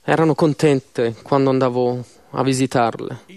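A man interpreting a church sermon in an earnest, measured way with slow pauses. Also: mid-range voice, fairly even intonation, vocal fry, darkish tone, no room sound, clean studio sound.

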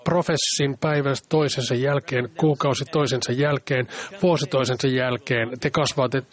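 A man reading a sermon aloud in a calm, measured way, now and then stumbling over a word. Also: mid-range voice. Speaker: church speaker.

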